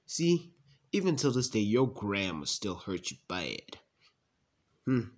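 A man's voice: lowish voice, sing-song, slow pace. A man playing a nagging, teasing young brother in a comedy sketch, mocking and pushing his voice up.

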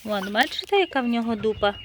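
Woman, casual yard vlog, chatty, laughs often, fairly high voice, faint farmyard noise, outdoors. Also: lively intonation, fast talker, a bit bright. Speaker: poultry-keeping vlogger. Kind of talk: casual vlog chat while tending birds.

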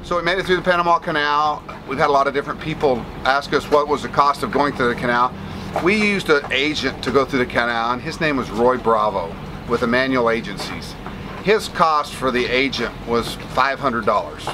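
Bearded sailor talking on a boat deck. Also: male voice, medium pitch, brisk. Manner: rambling, restarts and fillers, plain-spoken. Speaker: sailing vlogger answering viewer questions. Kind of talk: casual talk to camera. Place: outdoors on a sailboat deck in a bay. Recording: outdoor boat noise behind voice. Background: boat and water ambience.

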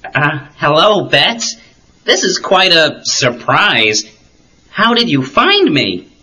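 A man's voice: a little high, slow, breathy edge, full character voice. Breezy wisecracking teenage boy, Archie. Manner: breezy, boyish, excitable. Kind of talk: dramatized comic-book audio story acting. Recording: background music on old story cassette.

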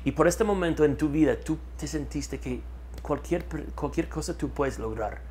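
In a studio set against a map backdrop, a man from the United States is interviewed as a marketing consultant, wearing a lapel mic. His voice is a little high and his speed normal, and there's slight background noise. He's energetic, repeats words for emphasis, and gestures a lot with his hands.

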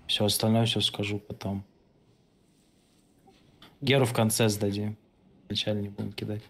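Leading an online game raid over voice chat, a man barks blunt, bossy, profane orders in casual gamer talk. His voice sits on the low side with little pitch movement, a bit bright and husky, at normal speed. The online voice-chat mic picks up slight noise.

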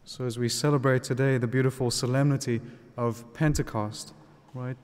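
Male priest, middle-aged, mid-pitched voice, solemn liturgical delivery, long cathedral echo. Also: a little mellow. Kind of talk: liturgical reading and homily. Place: large church, indoors. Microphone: gooseneck lectern microphone. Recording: long church reverb.

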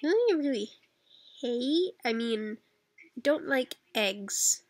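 A woman's voice: on the high side, expressive, slow pace, no room sound. A woman in her twenties with a Canadian accent, chatting casually and answering questions in a rambling, self-deprecating way with dry asides. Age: 20s. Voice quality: creaky. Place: dark bedroom at night, lying on a bed.

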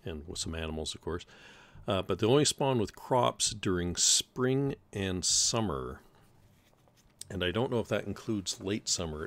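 A middle-aged man hosting casual let's-play commentary, rambling and thinking aloud at his desk mic with dry humor. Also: low voice. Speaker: gaming channel host.

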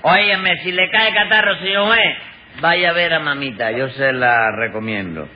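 Guy doing a cheeky rascal rambling in court, kinda high voice, old radio comedy, muffled w faint hiss. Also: normal speed, lightly acted. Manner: cheeky, rambling, keeps saying "chico". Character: sly, bumbling man accused in court. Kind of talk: vintage radio comedy acting.

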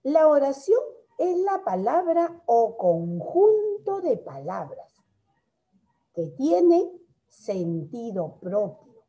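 A woman teaching a grammar lesson to young pupils, explaining slowly, asking frequent rhetorical questions and affectionately calling them her loves. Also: a little high, dark tone. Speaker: primary school teacher. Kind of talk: recorded grammar lesson for children.

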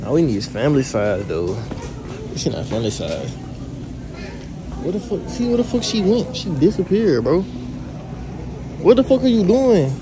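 A young man in his twenties vlogging while shopping in a supermarket, teasing and swearing, with sudden loud bursts. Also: fairly high pitch, sing-song, normal speed, long pauses, background noise. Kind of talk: casual vlog banter. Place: large supermarket, indoors. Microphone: handheld camera.

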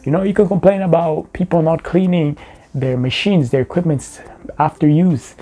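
A young man hosts a reaction video at his webcam, giving casual commentary in a laid-back, mocking way, heavy on slang and constantly saying "bro." His voice is fairly high and mellow, with fairly even intonation and a moderate pace.

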